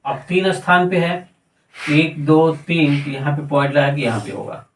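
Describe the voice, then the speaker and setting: Guy teaching math, counts digits out loud, keeps asking "what comes here" then answers, bit high voice, echoey room, mic kinda far. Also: moderate pace, slight background noise. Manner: counting aloud and asking rhetorical questions. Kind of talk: step-by-step classroom math lesson.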